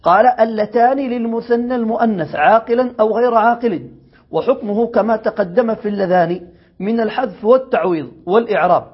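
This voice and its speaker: A man's voice: high-pitched, fairly quick, husky. A man teaching a classical Arabic grammar lesson, reading the text aloud, explaining it and quizzing his students. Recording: dull lo-fi lecture recording.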